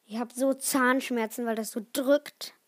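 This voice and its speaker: A woman's voice: fairly high pitch, fairly even intonation, a little slow, no echo, clean studio sound. A teenage girl hosting her own podcast in casual solo chat, rambling and often restarting her sentences. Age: teens. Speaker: podcast host.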